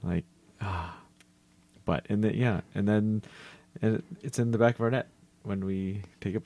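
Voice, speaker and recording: A man's voice: on the low side, unhurried, vocal fry, warm tone. A man co-hosting a sports podcast, chatting casually about hockey.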